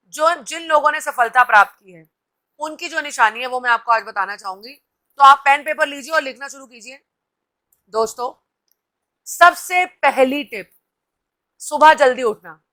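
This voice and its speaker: A woman's voice: high-pitched, pushed and bright. A woman host giving a live-stream motivational talk, coaching viewers directly and reading out their comments. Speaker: TV anchor and host.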